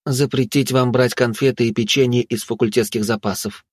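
An exasperated young woman head of students begs her friends to behave, voiced by a man reading a storybook. The voice sits higher than his own and pleads. The recording is dry and close. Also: steady tone, a little fast, no echo, lightly acted. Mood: pleading. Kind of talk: audiobook character voice.

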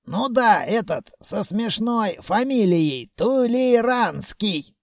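A man voicing a calm, sly old undead mummy grandfather, drawling and unhurried. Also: high-pitched, creaky, no echo, clean studio sound, voice pushed up, exaggerated voice. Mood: easygoing.

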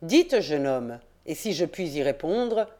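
A woman reading an audiobook, voicing a grumpy rustic old male caretaker in his sixties with gruff, folksy country speech. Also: low-pitched, big pitch swings, unhurried, darkish tone. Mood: grumbling.

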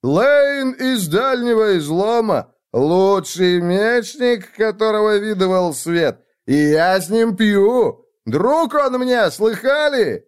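A man voicing a rowdy, boastful drunken friend who slurs his words loudly in an audiobook. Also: sits high, expressive, slow, few pauses, clean tone, voice pushed up. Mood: drunk exuberant. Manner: loud, slurring, boisterous. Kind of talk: audiobook character voice.

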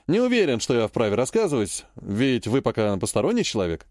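A man's voice: medium pitch, big pitch swings, fairly quick, a little mellow, no room sound, clean studio sound, voice pushed down, lightly acted. A man reading a pushy, slightly drunk scheming man in an audiobook, insistent and mock-innocent. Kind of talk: audiobook character voice.

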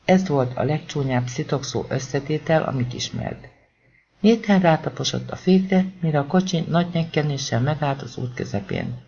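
Gravelly guy reading a thriller audiobook, kinda high voice, dull lo-fi sound. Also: expressive, a little hiss or hum. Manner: tense, acts out shouted lines of the characters. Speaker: audiobook narrator. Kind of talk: dramatic audiobook narration.

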